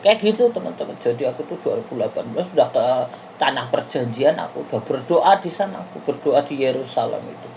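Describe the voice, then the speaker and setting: A woman's voice: a bass voice, animated, fast talker, vocal fry, dark tone, slight background noise. A middle-aged woman from Indonesia, casually telling her viewers a rambling travel story and often calling them friends. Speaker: vlogger.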